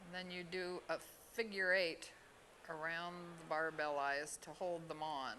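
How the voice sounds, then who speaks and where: A woman from Oregon giving an unhurried step-by-step fly tying demonstration at an expo. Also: low voice, flat delivery, sharp tone, a little hiss or hum. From Oregon, USA. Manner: unhurried, plain instructional talk with pauses. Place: expo hall.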